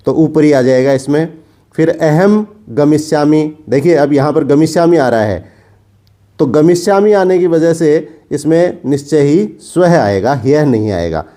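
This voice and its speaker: A male teacher, calmly explaining grammar by reading example sentences slowly and then translating each one. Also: fairly high pitch.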